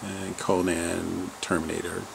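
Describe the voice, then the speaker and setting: A man's voice: sits low, level tone, a little slow, creaky, background noise. A man casually narrating a tour of his basement collection, listing items one by one with fillers, recorded on a handheld camera. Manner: rambling item-by-item listing with fillers. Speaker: collector giving a home tour. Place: home basement.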